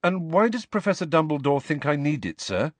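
A man's voice: on the high side, big pitch swings, fairly quick, no room sound, pitched above the performer's own voice. A man voicing a nervous, earnest teenage boy who speaks tersely and hesitantly.

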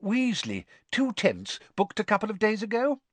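A cheerful middle-aged wizard father, chirpy and high, who trips over his words when he gets flustered, as a man puts him on for a storybook. His voice leaps about in pitch. Dry and close, with no room around it. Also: wildly swooping pitch, normal speed, slightly rough, dry recording, heavily acted. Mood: bright eager. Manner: bright, flustered, stammering.

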